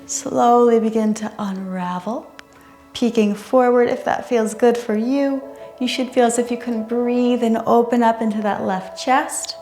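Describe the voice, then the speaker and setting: Female yoga instructor, slightly high voice, careful and unhurried guidance, roomy sound. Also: fairly even intonation, mellow. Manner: careful, unhurried, measured delivery. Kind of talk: guided chair yoga instruction. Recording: roomy echo, music underneath. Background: music.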